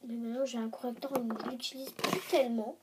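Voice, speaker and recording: In a casual beauty vlog about homemade makeup, a young woman talks fast with a fairly high, fairly even voice over a noisy background. A cold has left her nasal and blocked up. Her manner is chatty, informal and self-deprecating.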